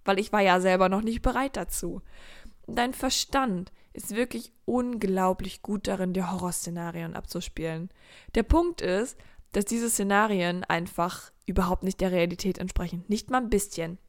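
Woman, motivational monologue, animated and direct, casual slang, rhetorical questions, mid-pitched voice. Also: moderate pace. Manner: acts out inner voices and quotes. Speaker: motivational speaker.

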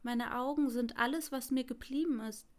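Brief: selfless, grieving prince statue in a fairy tale, quiet and breathy, read by a woman. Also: sits high, fairly even intonation, moderate pace, lightly acted. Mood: sorrowful. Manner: hushed, half-whispered.

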